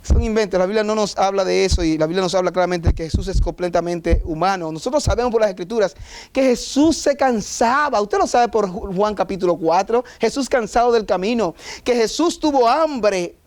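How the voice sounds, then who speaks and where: Emphatic high-voiced preacher. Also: male voice, brisk, darkish tone. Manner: emphatic, rhetorical questions, mock voices of objectors. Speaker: pastor. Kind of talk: sermon.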